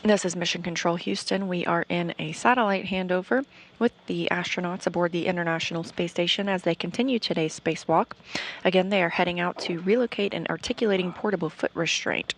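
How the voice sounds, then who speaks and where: A woman's voice: on the low side, brisk. A woman as a mission control commentator, explaining an ongoing space operation in broadcast commentary style. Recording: faint background noise.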